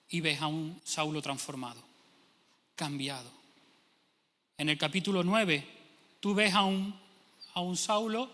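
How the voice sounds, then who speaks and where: A man's voice: fairly high pitch, pushed and bright. A male pastor, preaching a sermon emphatically and acting out imagined speakers. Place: church hall. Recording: long church hall reverb.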